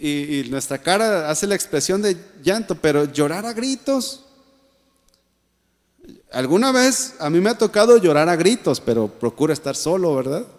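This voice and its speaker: High-voiced Mexican preacher in a hall. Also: male voice. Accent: Mexican Spanish. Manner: preaching with rising emphasis and soft asides. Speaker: pastor. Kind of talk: sermon. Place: church. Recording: echoey church hall.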